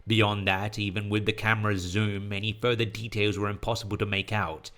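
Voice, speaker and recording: On his audio story podcast, the male author and host reads scripted horror fiction in a measured, literary storytelling style. His voice sits on the low side, flat in delivery and fairly bright.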